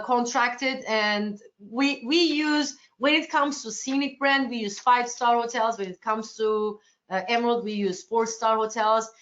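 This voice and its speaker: This is a woman from Turkey working as a cruise sales presenter, taking agents' questions during a webinar recorded in lo-fi quality. She speaks with a fairly high, fairly bright voice, restarting sentences often while sounding reassuring and eager to accommodate.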